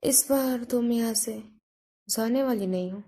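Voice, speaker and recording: A woman's voice: fairly high pitch, normal speed, dark tone. A woman doing a menacing brother making threats. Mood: threatening. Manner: taunting threats.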